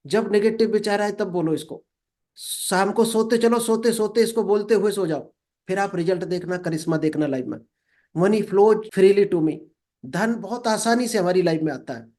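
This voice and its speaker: A man giving a motivational talk. He reads each English line slowly, then explains it, and often calls the listener friend. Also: high-pitched, darkish tone. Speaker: motivational speaker.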